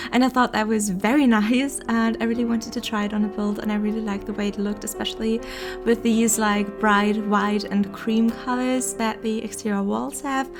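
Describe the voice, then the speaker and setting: Young woman, nasal and congested, casual voiceover, frequent laughs, soft music behind. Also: fairly high pitch. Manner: chatty, laughs often between words. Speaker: game building content creator.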